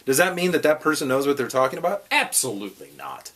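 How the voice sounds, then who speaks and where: An American man hosting a trading show, telling a story in a casual monologue, jokey and animated, breaking into laughter. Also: on the high side, fast.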